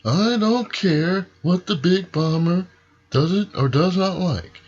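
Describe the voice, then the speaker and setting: A man's voice: sits high, slow, darkish tone, highs cut off. Man acting a blustering wrestling president cutting a promo. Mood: stern, declaring. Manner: stern, emphatic, authoritarian. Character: blustering, indignant male wrestling federation president.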